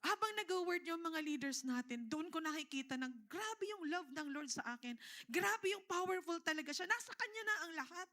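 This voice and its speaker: A Filipino woman pastor preaching with a high, ringing voice. Her tone is bright and carrying, and she keeps calling out to the congregation between points. She sounds middle-aged. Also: expressive, normal speed. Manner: preaching in mixed Tagalog and English, with repeated calls to the congregation. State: tearful. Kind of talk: sermon.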